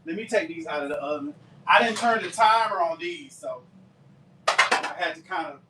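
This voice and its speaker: A man's voice: on the high side, moderate pace, slight background noise. A man from Alabama with a Southern accent, chatting casually with viewers on a live baking stream. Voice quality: talkative, warm down-home manner. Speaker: baker and live-stream seller.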